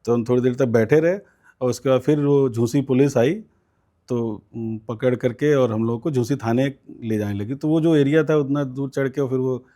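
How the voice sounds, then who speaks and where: A man with a mellow, dark-toned voice at a middle pitch. He is an interview guest telling a long personal story at an easy pace. He fills pauses with soft hesitations and acts out the voices of people in his story. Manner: recounts events at length with many fillers and quoted voices. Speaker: student politician guest.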